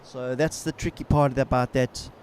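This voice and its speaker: A man giving casual, laid-back live commentary as a surf contest announcer, unhurried and chatty. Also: mid-range voice, fairly even intonation, darkish tone. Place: outdoors at a surf beach. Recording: outdoor ambience with clear background noise.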